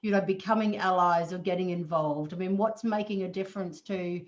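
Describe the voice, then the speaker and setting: A woman's voice: fairly low pitch, a little fast, dull audio. An Australian woman moderating a video call panel, thoughtful and searching as she asks questions.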